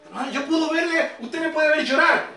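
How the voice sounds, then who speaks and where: A Chilean man preaching a sermon in a high, bright voice. He drops to soft asides, then climbs to shouted, emphatic peaks. He sounds set back from the mic in an echoey room. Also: a little fast, recorded from a distance. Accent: Chilean Spanish. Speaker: pastor.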